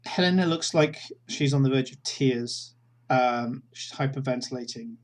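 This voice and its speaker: A man's voice: mid-range voice, normal speed. A man narrating a tabletop role-play as game master, with many fillers and hesitations.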